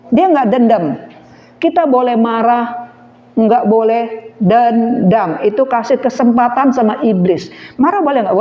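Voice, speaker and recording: A woman preaching a sermon, animated, throwing questions at her listeners and slipping into slang. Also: on the high side, reverberant. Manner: animated, asks the audience questions, mixes in slang. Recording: dull lo-fi recording.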